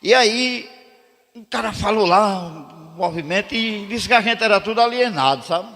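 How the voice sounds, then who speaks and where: A man's voice: sits high, normal speed. An older man from Rio Grande do Norte, a poet telling stories to a live audience and declaiming his verses. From Brazil, Rio Grande do Norte. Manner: animated, declamatory when reciting verse. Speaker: poet and storyteller. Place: cultural center hall. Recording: long hall reverb.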